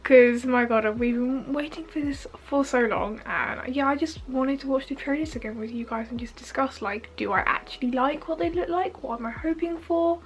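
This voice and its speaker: A young woman, sniffly from allergies, gushing and rambling excitedly in a casual vlog at home. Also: high voice, poor audio. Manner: gushing, giggly, fast and rambling with many fillers. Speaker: YouTuber reacting to a game trailer. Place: home front room.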